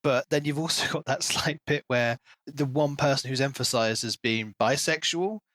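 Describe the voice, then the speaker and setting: A man co-hosting a book podcast reviews books in a casual, animated way, often slipping into mocking imagined dialogue to make his point. His voice is mid-range and his speed normal.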